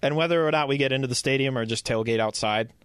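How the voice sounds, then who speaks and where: A man's voice: medium pitch, quick pace, fairly bright tone, clear, resonant tone, dry recording. A man with an American accent chatting casually about sports as a panelist.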